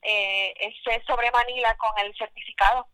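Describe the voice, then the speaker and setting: A Puerto Rican woman in her forties, talking as a guest in a relaxed, thoughtful way. Her voice is bright and forceful and comes through dry, with no room around it. She often pauses with fillers and restarts her sentences. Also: a little high, dry recording, low-quality recording. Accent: Puerto Rican Spanish. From Puerto Rico. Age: 40s. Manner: reflective, many fillers and restarts. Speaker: guest poet. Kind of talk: casual interview.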